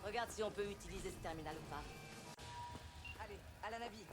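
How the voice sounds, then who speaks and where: A woman's voice: medium pitch, quick pace, loud music behind the voice, close to an everyday voice. A woman playing a bold, foul-mouthed mercenary crew leader in a video game, cocky and commanding. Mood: low, focused. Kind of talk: video game drama acting.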